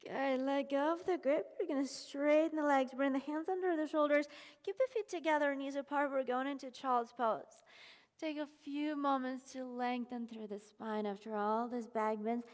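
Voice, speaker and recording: A woman leading a yoga class, giving calm, encouraging step-by-step cues and sounding slightly out of breath. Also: sits high, moderate pace, big-room sound. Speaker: yoga instructor. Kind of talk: guided yoga class instruction.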